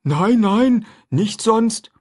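Frightened hungry man, high strained voice, broken grammar, husky, storybook character. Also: expressive, very slow, a little mellow, full character voice. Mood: eager plain. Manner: broken, ungrammatical speech. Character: frightened hungry grown man, pleading and simple. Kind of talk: audiobook character voice.

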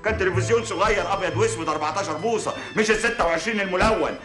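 An actor with an Egyptian accent playing a flustered middle-aged doctor in a stage comedy, rushed and exasperated. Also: male voice, high voice, roomy sound, over music, natural voice. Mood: pleading. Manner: rushed, exasperated, then pleading.

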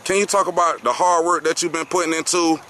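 A man conducts formal postgame interviews with a football coach and players outside on a field at night, answering each reply with "yes, sir." He talks fast in a fairly high, steady voice that is bright and forceful.

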